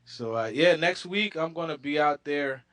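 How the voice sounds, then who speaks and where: A man co-hosting a sports talk show, talking in a relaxed, friendly way with plenty of fillers. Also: on the high side, normal speed. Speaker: co-host.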